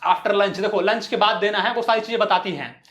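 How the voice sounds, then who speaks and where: A woman's voice: mid-range voice, fairly even intonation, a little fast, fairly bright tone, echoey room. A woman teacher explaining an English chapter line by line in Hindi, mixing in English phrases and acting out the characters' lines.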